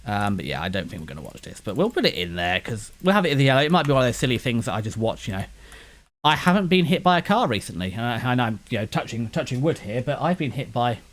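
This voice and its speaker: Speaking quickly with a sing-song lilt, the anime channel host has a mid-range, slightly bright voice, a London accent and a slight lisp. He's from West London and rambles casually, blurring his words as he restarts sentence after sentence.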